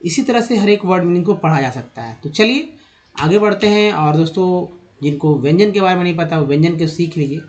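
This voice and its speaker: A man giving a spoken lesson on English spelling and pronunciation, who keeps asking rhetorical questions and answering them, and who repeats the sounds slowly. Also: sits high, a little mellow. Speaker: English teacher. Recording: dull lo-fi recording.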